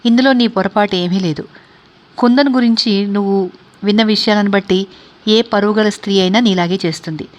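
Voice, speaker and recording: A woman voicing a troubled middle-aged man in a read-aloud story, speaking low and subdued. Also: fairly quick, lightly acted. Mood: remorseful.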